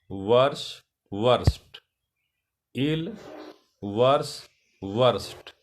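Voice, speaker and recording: Very slow male teacher. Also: medium pitch, slight background noise. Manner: slow, spells out words letter by letter. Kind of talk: grammar lesson.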